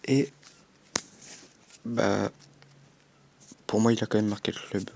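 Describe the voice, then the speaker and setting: A man's voice: lowish voice, fairly even intonation, slow, gravelly, darkish tone. A young man chatting casually as a gaming YouTuber, commenting on his game with offhand swearing and little sound effects.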